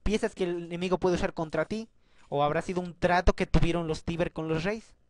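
A casual video commentator with a mid-pitched voice who rambles and thinks aloud. They fire off one rhetorical question after another. The recording is dry and close, with no room sound. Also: fairly even intonation, a little fast, a little mellow, no room sound. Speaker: anime commentary youtuber.

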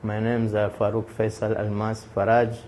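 A man from Kenya giving a halting interview testimonial in a studio on a lapel mic. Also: fairly low pitch, completely flat delivery, a little mellow, a little hiss or hum, rough recording. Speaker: training course participant. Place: indoor studio with grey backdrop. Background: music bed.

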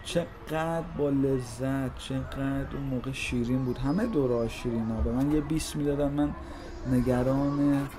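A man's voice: mid-range voice, steady tone. A man in his thirties from Iran gives walking tour commentary outdoors, talking in a reflective, nostalgic, conversational way as he walks city streets. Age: 30s. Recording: street noise clearly audible. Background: traffic and street ambience.

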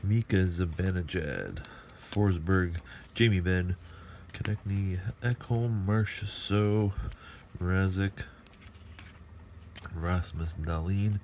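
Slow, gravelly low-voiced man. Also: slight background noise. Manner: reads off player names in a low flat murmur, clears throat often. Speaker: card collector opening packs. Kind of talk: casual pack-opening commentary. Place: indoor table at home.

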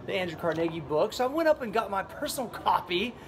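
A man hosting a casual fitness vlog outdoors, energetic and enthusiastic, introducing a guest. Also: sits high, quick pace. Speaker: fitness vlogger host. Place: outdoors on a street in Scotland. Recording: outdoor street noise with traffic.

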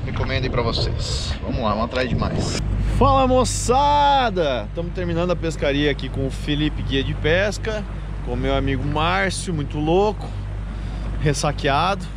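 A man's voice: fairly high pitch, normal speed. A man, hosting a casual, slangy, jokey fishing vlog and addressing viewers directly. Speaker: fishing video host. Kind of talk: casual outdoor vlog commentary. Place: open small motorboat at sea. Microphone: action camera on the boat. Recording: loud wind and boat noise.

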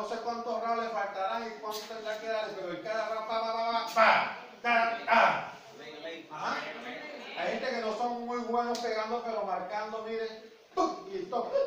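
A male pastor with a Venezuelan accent preaching a lively sermon, full of boxing and vendor sound effects. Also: high-pitched, recorded from a distance, highs cut off. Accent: Venezuelan Spanish. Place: church. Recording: echoey church hall, voice from afar, congregation audible.

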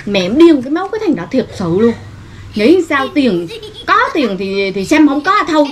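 A woman acting in a comedy sketch, complaining and then hurling loud threats. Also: sits high, sing-song, moderate pace, a little hiss or hum. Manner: agitated, complaining, boastful threats.

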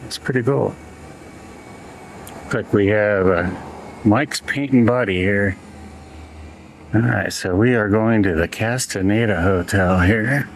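A man casually narrating a travel vlog as he walks around, relaxed and unhurried. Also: on the low side, slight background noise. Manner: relaxed, unhurried commentary while walking around. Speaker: travel vlogger. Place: walking around a train station and hotel, indoors and outdoors.

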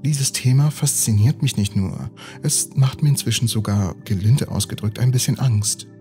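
A man voicing a poised, earnest young woman scientist in a calm, measured way. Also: medium pitch, faint music behind, close to an everyday voice.

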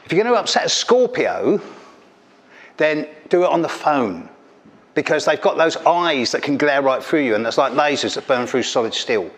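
A stand-up astrologer from England, middle-aged, takes the stage at an event hall with a handheld mic and delivers a punchy, caustic routine full of teasing. His voice is fairly high and sing-song, at normal speed.

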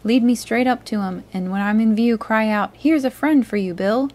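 A woman's voice: fairly high pitch, normal speed, close to an everyday voice. A woman doing a cruel blind old beggar. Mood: menacing. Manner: sing-song, soft-spoken then cruel and cold. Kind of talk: storybook read-aloud.

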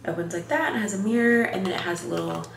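A lifestyle vlogger in her twenties chats upbeat to the camera while getting ready in her apartment kitchen and bathroom. Her medium-pitched voice is gravelly, expressive and fast, and the room sounds echoey with some background noise.

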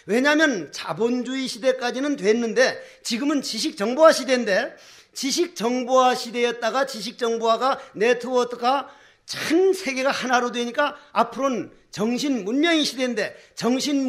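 An older man, a Buddhist monk, giving a dharma talk in a folksy, animated preaching manner full of rhetorical questions. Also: very high-pitched. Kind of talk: sermon.

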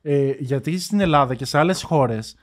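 A man's voice: on the high side, lively intonation. A young man in casual podcast chat, explaining at length with frequent restarts. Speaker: podcast co-host.

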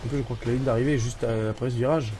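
Excitable French gamer swearing at races. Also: male voice, mid-range voice, racing. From France. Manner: excitable, swears a lot, self-mocking. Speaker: gaming YouTuber. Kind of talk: casual gameplay commentary. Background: game music.

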